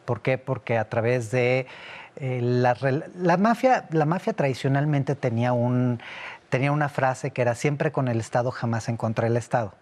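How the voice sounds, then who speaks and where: A man's voice: mid-range voice, normal speed, darkish tone. A middle-aged man who grew up in Italy, giving long explanatory answers as a guest in an interview, with frequent fillers and restarts. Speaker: interview guest, security analyst.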